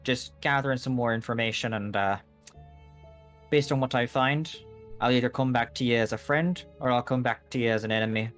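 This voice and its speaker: A man playing a weary, guarded agent in a tabletop game, speaking in a grave, measured, cautioning way. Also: mid-range voice, a bit bright, faint music behind, natural voice. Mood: frank. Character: weary, guarded male agent warning adventurers off.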